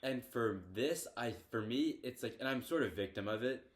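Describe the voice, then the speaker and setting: A teenage boy with a medium-pitched voice co-hosts a podcast, chatting casually at normal speed. He's hesitant, full of fillers and restarts, and he has the hiccups.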